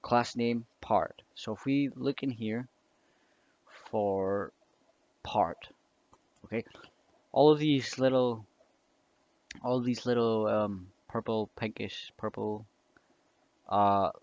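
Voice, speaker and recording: This casual coding tutorial comes from a young man whose voice is on the low side and darkish, recorded without echo on a dull lo-fi mic. As a scripting tutor he sounds hesitant and meandering, full of fillers and restarts, with keyboard and mouse clicks behind him.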